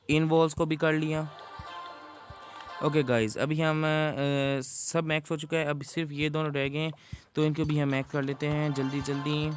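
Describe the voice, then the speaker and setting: A man giving chatty, casual gameplay commentary to his viewers. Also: fairly high pitch. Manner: chatty, addresses viewers as guys. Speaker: gaming YouTuber.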